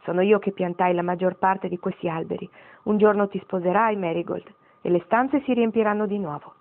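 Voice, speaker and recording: A woman's voice: mid-range voice, steady tone, brisk, narrow, tinny audio, lightly acted. A woman voicing a wistful old grandmother.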